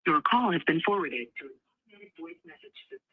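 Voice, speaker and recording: A man's recorded voice giving an automated voicemail greeting, with an even, precise announcer delivery, heard over a phone line. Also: sits high, moderate pace, vocal fry. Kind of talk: recorded phone system prompt.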